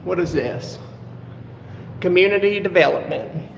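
Filming inside a public building on a handheld phone camera, a male livestreamer trolls people in the persona of a meddling, sugary elderly grandma, calling everyone darling and referring to himself as Grandma. His voice is high-pitched, measured and creaky. There's slight background noise and the recording quality is low.

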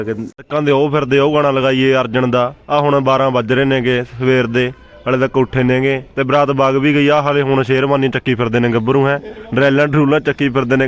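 A man's voice: medium pitch, clear, resonant tone, lo-fi sound. A young man with a Punjabi accent giving casual vlog commentary in hearty, teasing banter, often echoing what others say. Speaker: vlogger filming the groom's friends. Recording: chatter of a crowd behind. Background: group of men chattering.

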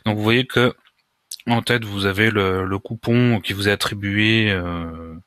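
A man explaining software step by step in a screen-recorded tutorial, talking casually and hesitantly with many pauses and restarts. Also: on the low side, steady tone, dry recording, studio quality. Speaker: WordPress tutorial maker.

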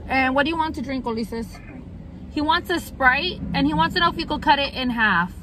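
A mother and vlogger ordering food from her car at a drive-through speaker, polite and brisk with small hesitations. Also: high-pitched, lively intonation, background noise. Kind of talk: casual vlog chat.

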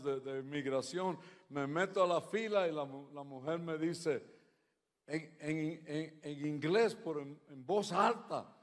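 A man preaching a sermon with stories, switching between loud declarations and quiet, conversational telling. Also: on the high side, in a large hall. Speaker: pastor. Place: large church hall.

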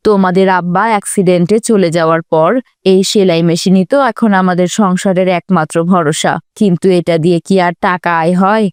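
A woman's voice: fairly low pitch, fairly even intonation, moderate pace, darkish tone, smooth, dry recording, studio quality, voice pushed down, close to an everyday voice. A woman voicing a tender devout cartoon mother. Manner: tender and soothing. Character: gentle devout widowed mother. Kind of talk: animated cartoon voice acting.

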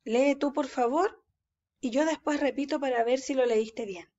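A woman teacher giving a reading lesson to young children, speaking slowly and patiently and stretching words out syllable by syllable. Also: sits high, darkish tone, dull audio. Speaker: first-grade teacher.

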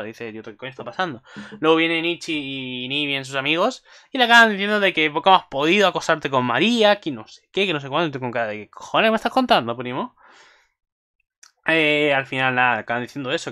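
Casual anime recap host, a man, bright and forceful voice, profane and rambling. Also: medium pitch, clean tone. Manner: rambling, swears freely, with asides to viewers.

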